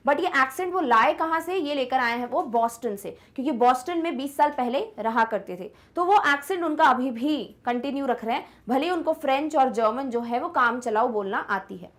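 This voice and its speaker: A young woman teacher explaining an English story in Hindi, reading English lines slowly and checking if students follow. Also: high-pitched, lively intonation, a bit bright. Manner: switches between slow English reading and fast Hindi explanation; asks checking questions like "clear?". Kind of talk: Hindi-medium English lesson, explaining text.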